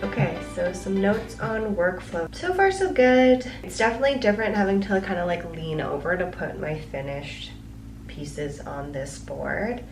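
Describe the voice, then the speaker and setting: A woman talks casually to the camera while arranging her pottery studio, her voice a little low and full of fillers as she thinks aloud. The room rings around her, and music plays underneath. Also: animated, moderate pace, reverberant, poor audio. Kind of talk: casual vlog narration.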